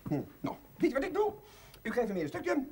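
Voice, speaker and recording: An actor playing a man disguised as a fussy, giggly old lady, putting on a high falsetto and tripping over his words. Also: huge pitch swings, fairly quick, a little mellow, exaggerated voice. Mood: cooing hostess. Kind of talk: 1960s TV comedy acting.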